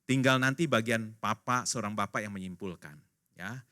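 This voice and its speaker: A man's voice: lowish voice, normal speed, bright, forceful tone. A man in his fifties, a pastor, preaching a casual, joking sermon to his congregation at a church service and acting out the voices of the people he quotes.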